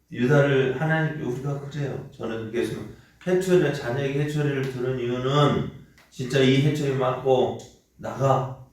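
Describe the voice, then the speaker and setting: A man pastor giving an early morning sermon in a conversational way, often asking the congregation questions. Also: mid-range voice. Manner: acts out quoted parents with shouted lines. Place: church sanctuary. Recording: very echoey room, mic at a distance.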